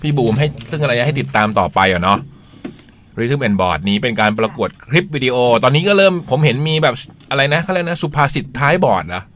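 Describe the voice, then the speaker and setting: A male radio co-host who talks fast and steers the chat. He teases the others and keeps asking questions. His pitch is ordinary for a man. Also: lively intonation, fairly bright tone, a little hiss or hum. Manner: quick, teasing, asks questions. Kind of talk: casual radio banter.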